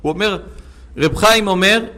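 A man preaching a sermon with stories, swinging between loud urging and hushed asides, and calling his listeners friends. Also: high voice.

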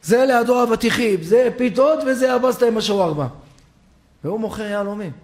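Animated high-voiced male preacher. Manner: animated storyteller acting out characters, rising to shouts. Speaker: rabbi giving a Torah lesson. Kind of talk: storytelling sermon.

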